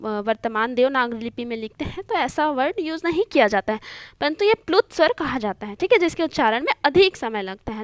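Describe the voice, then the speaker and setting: A woman's voice: high-pitched, dry recording. A young woman teaching a Hindi grammar lesson online, patiently repeating points and mixing in English words. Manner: patient, repeats points with frequent "theek hai" checks.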